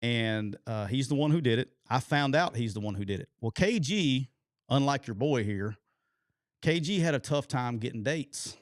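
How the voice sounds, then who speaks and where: A man, telling a long, animated and profane story as a podcast co-host. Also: mid-range voice, moderate pace, no echo, studio quality. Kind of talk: casual storytelling chat.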